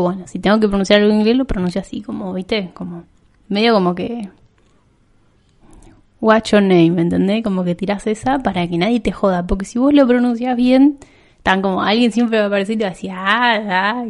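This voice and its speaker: A woman's voice: mid-range voice, a little mellow. Chatty Argentine woman podcaster. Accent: Argentine Spanish. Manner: chatty, rambling, self-mocking with frequent laughs. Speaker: podcast host. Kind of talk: casual chat.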